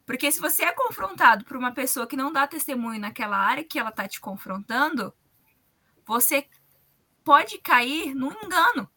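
A woman's voice: sits high, big pitch swings, moderate pace, bright, forceful tone. A woman with a Brazilian Portuguese accent explaining things colloquially in a religious discussion.

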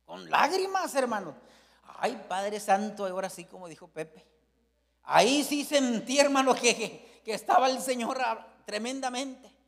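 A man preaching a fervent Pentecostal sermon, swinging between shouts and hushed storytelling. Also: very high voice, animated, a little slow, creaky, in a large hall. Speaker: pastor.

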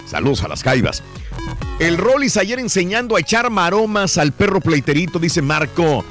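Lively male radio host with music behind. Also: high-pitched. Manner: lively, jokey, rapid shout-outs. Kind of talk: casual chat reading listener messages.

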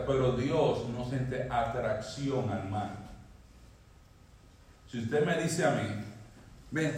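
A male pastor preaching a sermon, swinging from emphatic high peaks down to low quiet lines. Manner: preaching, rising emphatically, then dropping low. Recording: echoey hall, mic at a distance.

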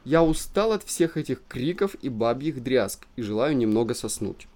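A man's voice: medium pitch, sing-song, a little mellow, lightly acted. Man doing a pompous swallowed official. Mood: pompous, composed. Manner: measured, pompous. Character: swallowed pompous male official, calm and self-important.

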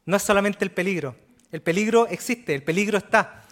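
High-voiced preaching man. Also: a little fast, a bit bright. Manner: earnest preaching with frequent rhetorical asides; repeats words and restarts phrases. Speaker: pastor. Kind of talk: sermon.

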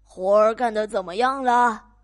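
A woman voicing a lazy, fat male farmer who yells bossy demands from his bed in a children's storybook. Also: a little high, measured pace, pitched below the performer's own voice, natural voice. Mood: bossy yelling. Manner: yelling demands.

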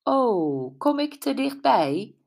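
A woman voicing Jules, a caring friend who probes gently and a bit knowingly, in an audiobook. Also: a little high, big pitch swings, takes it slowly, creaky, pitched above the performer's own voice, exaggerated voice. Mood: probing. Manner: gentle but probing, a little know-it-all. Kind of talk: audiobook character voice.

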